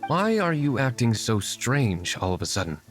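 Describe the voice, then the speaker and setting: A man's voice: medium pitch, very animated, moderate pace, over loud music, lightly acted. Man playing Diluc, a stern, intimidating young vigilante. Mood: composed, serious. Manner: formal, threatening, controlled. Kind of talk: video game voice acting.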